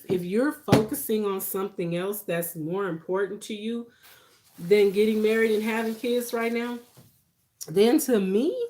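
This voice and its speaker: A woman's voice: on the high side, a little mellow. A woman in her forties hosting a casual livestream, talking to viewers in a reassuring, conversational, advice-giving way. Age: 40s. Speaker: livestream host.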